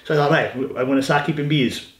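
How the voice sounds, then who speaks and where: A Welsh beekeeper in his thirties chats casually in an interview about his work, moving between a farm kitchen and a woodland hive site. His voice is fairly high, fast and slightly rough. He sounds relaxed and often repeats words as he goes.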